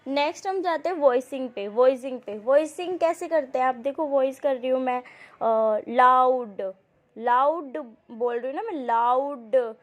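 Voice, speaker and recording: Female coaching-class teacher, high voice, patient explainer who keeps checking in with students. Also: a little mellow. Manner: reads English passages slowly and deliberately. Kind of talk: exam-prep coaching lecture.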